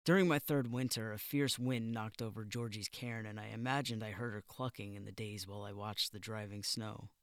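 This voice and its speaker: A man narrating a first-person audiobook in a measured, wry, deadpan way. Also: on the low side, smooth, no room sound, studio quality.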